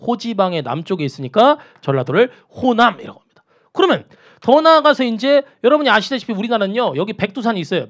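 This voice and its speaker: A male lecturer with a fairly high voice that swings up and down all the time. He teaches in a drilling, question-and-answer way, repeating each key term and checking in with his students again and again. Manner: asks students questions and answers them himself; repeats key terms for emphasis. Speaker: Korean history lecturer. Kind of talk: exam-prep lecture.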